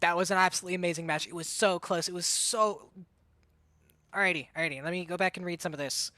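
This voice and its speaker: Woman streamer doing hype game commentary, sore throat, bright voice, reacts to every play. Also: fairly low pitch, no room sound. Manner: excitable, hyped play-by-play with quick reactions.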